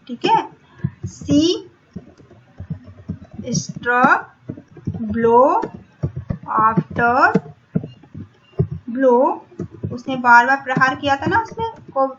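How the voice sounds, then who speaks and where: A woman teacher with an Indian English accent and a high, sharp voice explains a school lesson patiently in Hindi and English, repeating words slowly for her pupils. The recording is dull and lo-fi with faint hiss.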